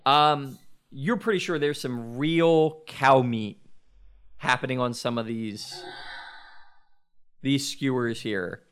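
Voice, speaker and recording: A man running a tabletop game, describing the scene as he goes. He talks in a loose, halting way, full of fillers and restarts. His voice is smooth and resonant. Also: medium pitch, a bit bright. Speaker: game master.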